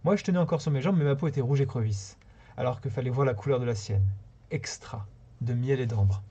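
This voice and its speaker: A man reading a short story aloud on a live stream, unhurried, now and then stumbling and rereading a phrase. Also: mid-range voice, mellow, husky. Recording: slightly dull lo-fi sound.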